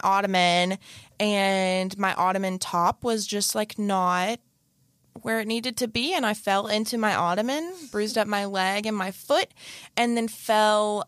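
A woman's voice: mid-range voice, dry recording, studio quality. A young adult woman co-hosting a podcast, telling funny self-mocking stories in casual chat. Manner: animated storytelling, self-mocking. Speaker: podcast co-host.

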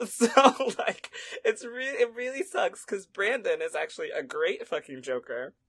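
A man hosts a casual gaming chat in a somewhat high voice. He rambles with lots of fillers and laughs. He is sick. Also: sing-song, moderate pace, creaky, a bit bright, husky. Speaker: podcast host.

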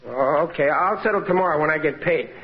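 On a muffled old broadcast, a male actor performs 1940s-style radio acting as a harried, always-broke working-class husband. His voice is on the high side and fast, and he sounds grumbling and exasperated, though the acting is light.

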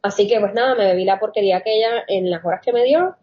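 Woman, casual storytelling, animated, slips into English, dull lo-fi sound. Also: medium pitch, quick pace. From Puerto Rico. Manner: animated, laughs often, mixes in English phrases. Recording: dull lo-fi audio.

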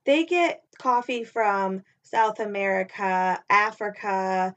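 A woman's voice: mid-range voice, slow pace, a bit bright. A young woman chats cheerfully as a podcast co-host. Her voice comes through dull and muffled, as if it were played through a speaker and recorded again. She keeps an easy, upbeat tone. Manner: chatty and upbeat. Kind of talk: casual podcast chat. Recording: muffled remote call audio.

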